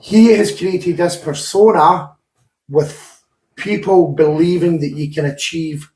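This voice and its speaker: A man's voice: on the high side, fairly even intonation, slow, darkish tone, echoey room. A Scottish man hosting a casual podcast chat, talkative and swearing freely. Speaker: podcast host and gym owner.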